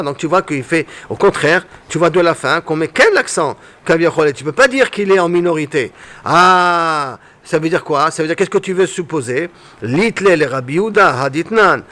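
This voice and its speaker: Man, Talmud teacher, fairly high pitch, step-by-step explaining, rhetorical questions, lesson style. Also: pushed and bright.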